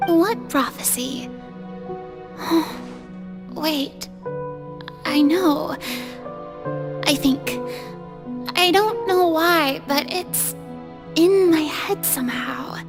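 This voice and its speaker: A high, gravelly-edged young goddess from a video game. She speaks slowly and haltingly, as if unsure of herself. Soft music sits faintly behind her. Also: heavily acted. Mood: confused, anxious. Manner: hesitant, halting speech. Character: young goddess woman, anxious and uncertain.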